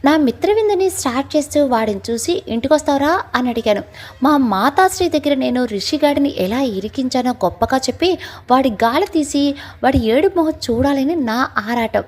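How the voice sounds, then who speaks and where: A woman narrating a scripted family audio story in a lively first-person telling. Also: high-pitched, normal speed.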